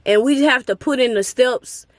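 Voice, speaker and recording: A woman's voice: high-pitched, moderate pace, no echo. A woman, talking earnestly and emotionally to her viewers in a casual motivational vlog. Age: 20s. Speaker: vlogger. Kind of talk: casual motivational talk to camera.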